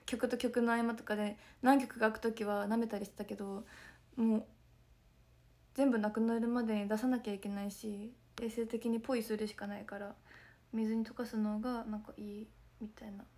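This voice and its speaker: Hoarse young woman chatting softly. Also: on the high side, flat delivery, moderate pace. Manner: soft, chatty, often slips into a whisper. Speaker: idol group member streaming to fans. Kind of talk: casual livestream chat.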